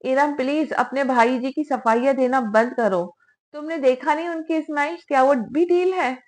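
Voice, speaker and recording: A woman reading the lines of an angry, jealous young wife in a romance audiobook, sharp and defiant. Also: high-pitched, normal speed, lightly acted.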